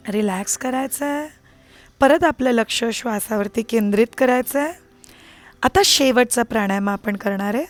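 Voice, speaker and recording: A woman teaching prenatal yoga and breathing, speaking calmly and slowly, sometimes nearly whispering. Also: on the high side. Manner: calm, slow, soothing, at times near a whisper. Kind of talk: guided breathing and yoga instruction.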